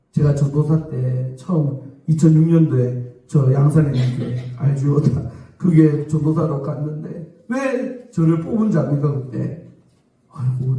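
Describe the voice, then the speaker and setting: Casting: high-voiced pastor, mellow tone, echoey church hall, distant mic. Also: male voice. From South Korea. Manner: emphatic, repeatedly asking the congregation for amens. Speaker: senior pastor. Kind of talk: sermon. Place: church sanctuary.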